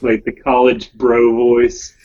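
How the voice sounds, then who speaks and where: A man who is a guest on a podcast, dropping deadpan quips and innuendo jokes in casual chat. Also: medium pitch, slow pace, lo-fi sound.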